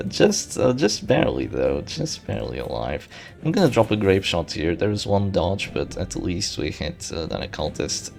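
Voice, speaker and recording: A man's voice: on the low side, vocal fry. A man giving casual live commentary on his own strategy game match, thinking aloud and correcting himself as he goes. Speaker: gaming channel host.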